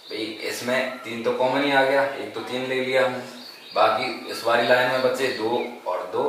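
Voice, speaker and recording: A man teaches a board lesson, chanting multiplication tables and asking questions that he answers himself. The room echoes heavily and the mic sits far away. Steady background noise runs under his voice. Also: medium pitch. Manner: asks the class questions and answers them himself; recites multiplication tables aloud. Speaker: math teacher.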